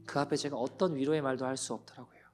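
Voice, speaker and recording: A pastor giving a Sunday sermon in a church, telling a story with feeling and dropping to soft near-whispers. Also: male voice, mid-range voice, steady tone, fast, soft background music. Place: church sanctuary.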